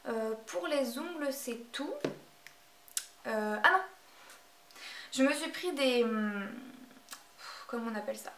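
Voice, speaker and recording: A woman's voice: a little high, expressive, takes it slowly, long pauses, a bit bright. A woman reviewing beauty products in a casual vlog, talking hesitantly with many filler sounds. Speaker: beauty vlogger. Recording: echoey room, voice from a distance.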